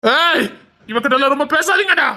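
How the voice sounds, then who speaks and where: Woman doing a bunch of mean college bully guys, yelling orders, high bright voice. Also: lively intonation, brisk. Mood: jeering. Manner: jeering, barking orders, loud. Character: bullying male college thugs. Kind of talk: Tamil audio drama acting.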